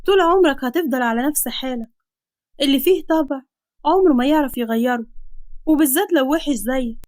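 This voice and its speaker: A woman with an Egyptian Arabic accent voicing an outspoken young veiled woman who scolds loudly and indignantly. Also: very high voice, expressive, fast talker, no room sound, studio quality, pitched above the performer's own voice.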